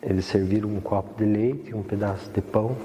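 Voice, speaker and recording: A man's voice: on the low side, steady tone, brisk, warm tone, slight background noise. Man, documentary testimony, rambling and heartfelt, faint background ambience, long reverb. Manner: rambling heartfelt storytelling with many fillers. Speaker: documentary interviewee. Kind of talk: personal testimony. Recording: roomy echoey hall with faint ambience.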